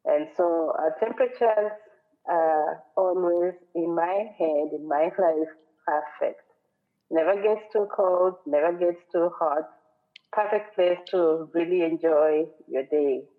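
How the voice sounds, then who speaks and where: A woman from western Kenya with a Kenyan accent, giving an earnest, reflective sermon as a guest speaker at a church. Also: sits low. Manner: earnest, reflective, quotes scripture and song lyrics. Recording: phone-like narrow sound.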